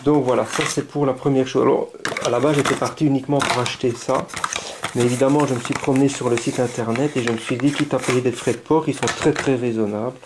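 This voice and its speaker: A man casually unboxing paints, chatty and enthusiastic, thinking aloud and haltingly reading labels. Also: mid-range voice, fairly even intonation, background noise. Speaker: scale model hobbyist.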